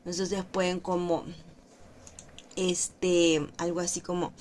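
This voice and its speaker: Woman, teacher, unhurried, patient, repeats each word, online class. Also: medium pitch, expressive, a little hiss or hum. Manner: slow and patient, repeats words to model pronunciation. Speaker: French teacher.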